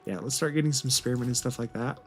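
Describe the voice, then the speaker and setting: A man's voice: medium pitch, fast, soft background music. A man thinks aloud in casual commentary as he plays a strategy game. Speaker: gaming video host.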